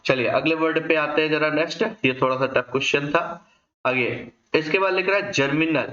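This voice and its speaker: Teacher drilling vocabulary, echoey. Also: male voice, fairly high pitch, normal speed, pushed and bright. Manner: explains in Hindi mixed with English, asks and answers his own questions; frequent checking tags like "thik hai". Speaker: English teacher. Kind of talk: exam-prep vocabulary lesson. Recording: echoey room, dull lo-fi sound.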